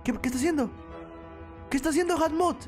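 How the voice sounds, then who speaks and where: A woman hosting a gaming video, commenting excitedly to viewers and repeating phrases urgently over background music. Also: sits high, quick pace. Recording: music behind the voice.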